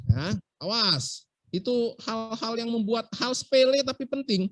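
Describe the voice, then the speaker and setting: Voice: mid-range voice, animated, a little slow, dry recording. Playful lecturer, dry close sound. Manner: playful, asks rhetorical questions. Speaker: medical school lecturer. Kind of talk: casual lecture.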